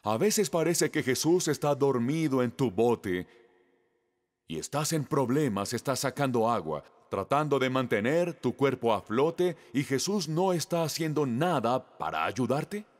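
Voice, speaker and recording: Animated middle-aged male pastor preaching. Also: a little slow. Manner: animated storytelling with emphatic pitch swings. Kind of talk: sermon.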